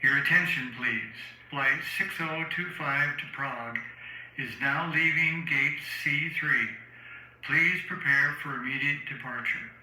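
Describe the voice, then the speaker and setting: A man's voice: fairly high pitch, pushed and bright. A man doing an airport announcer over the intercom. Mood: formal. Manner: formal, measured announcements. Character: male airport gate announcer, formal. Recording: echoey public-address sound.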